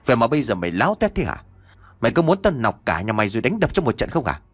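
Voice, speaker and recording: A man's voice: sits low, lively intonation, normal speed, no echo, voice pushed down. A man voicing a drunk, lecherous and cruel old male official who slurs and threatens. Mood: menacing. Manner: slurring, leering, then menacing threats.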